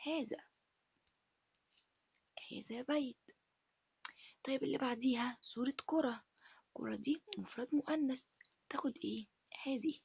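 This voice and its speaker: A woman teaching Arabic to first graders in an Egyptian accent, asking questions and answering them herself in a breathy, half-whispered voice. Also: high-pitched, normal speed, pauses often, a little mellow, dry recording, dull audio. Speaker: primary school Arabic teacher. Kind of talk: recorded lesson for first graders.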